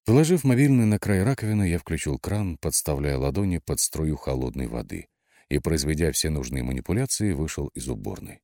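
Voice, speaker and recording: Deep, expressive male narrator. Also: a little fast, no echo, studio quality. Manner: expressive storytelling. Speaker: audiobook narrator. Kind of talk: first-person audiobook narration.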